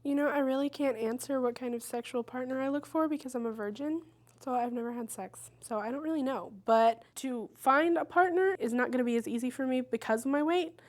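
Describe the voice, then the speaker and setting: A woman's voice: sits high, a little fast. A woman in her thirties giving frank, self-mocking interview answers and laughing often.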